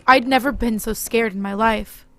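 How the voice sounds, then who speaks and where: A woman narrating a first-person horror story in a steady, scripted delivery. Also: on the high side, normal speed.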